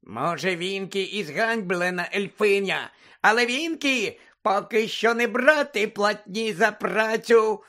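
A shrill, squeaking female house-elf, as a male reader puts her on, fiercely loyal and speaking in broken grammar. Her voice is pitched very high and loud. It is an audiobook character voice. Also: takes it slowly, full character voice. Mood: bitter.

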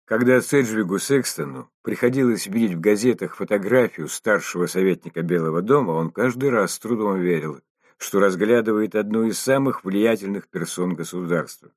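A man narrating an audiobook in a steady, measured reading style. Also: fairly low pitch, no room sound, studio quality. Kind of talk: scripted narration.

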